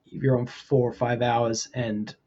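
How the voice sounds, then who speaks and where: A man's voice: medium pitch, flat delivery, a little slow, warm tone, muffled recording, slight background noise. Australian-raised man, forty, easygoing podcast guest. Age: 40s. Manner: thoughtful, hesitant with ums and restarts. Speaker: guest, VFX artist. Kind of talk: casual podcast conversation.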